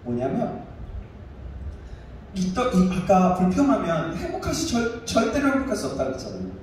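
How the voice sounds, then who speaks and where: A male pastor in his thirties preaching a sermon and telling a personal story with animated delivery. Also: high voice, moderate pace. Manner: animated storytelling, acts out his own shouting. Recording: echoey room, distant mic, faint noise.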